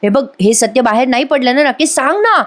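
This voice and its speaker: A woman's voice: on the high side, moderate pace, natural voice. A woman doing a frantic, furious young woman prisoner. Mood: anxious. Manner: shouting, frantic, repeating denials.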